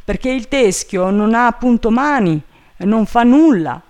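A man voicing an eager, simple-minded male servant calling down from a tree, in a high, drawling, plaintive voice. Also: expressive, a little slow, darkish tone.

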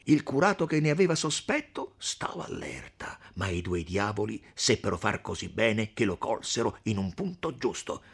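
A man's voice: medium pitch, gravelly, slightly rough, full character voice. A man reading aloud and voicing a shrewd, talkative middle-aged peasant mother who speaks in a knowing, persuasive way. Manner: knowing, persuasive, sometimes hushed. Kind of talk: audiobook reading.

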